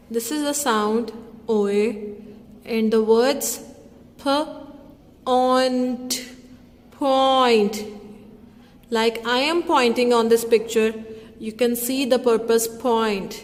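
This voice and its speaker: A woman teacher leads a phonics lesson for young children, slowly sounding out letters and switching between English and Hindi-Urdu. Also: a little high. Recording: long reverb.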